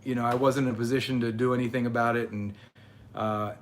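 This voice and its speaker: A man's voice: medium pitch, little pitch movement, fast talker. Chatty man reading viewer comments. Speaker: channel host. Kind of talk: casual livestream chat.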